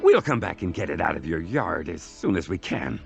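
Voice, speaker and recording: A man voicing a gruff but soft-hearted cartoon crocodile detective, halting and gravelly. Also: low-pitched, sing-song, faint music behind, exaggerated voice. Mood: concerned. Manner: halting, stammering.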